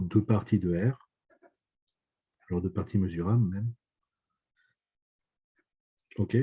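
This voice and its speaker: Male math teacher, low dark husky voice, halting lecture delivery with constant "d'accord?" checks. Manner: hesitant, many fillers and checks for understanding. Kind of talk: online lecture.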